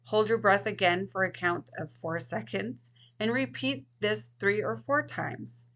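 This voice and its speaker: A woman social work student giving a scripted instructional presentation in a creaky voice. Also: mid-range voice, measured pace, a bit bright. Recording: dull, lo-fi microphone sound.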